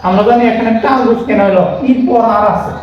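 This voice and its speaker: A man's voice: extremely high pitch, fairly quick, muffled recording. A man teaching English vocabulary, spelling each word letter by letter and asking and answering his own questions. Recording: very echoey room, faint noise.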